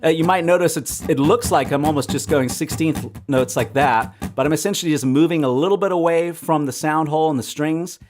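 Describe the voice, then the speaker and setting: A man giving an acoustic guitar lesson, explaining strumming patterns and counting sixteenth notes out loud in a relaxed, explanatory way. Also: fairly high pitch, fairly quick, few pauses, noisy background. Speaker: guitar teacher. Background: acoustic guitar playing.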